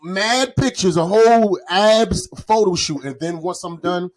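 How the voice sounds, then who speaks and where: A podcast host chats casually in a voice that sits high and unhurried. He uses slang and jokes at his own expense.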